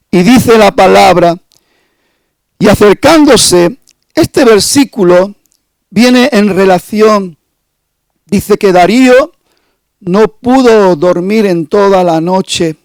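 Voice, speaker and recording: A man's voice: high voice, dry recording, poor audio. A male pastor preaching a sermon, stressing key phrases emphatically.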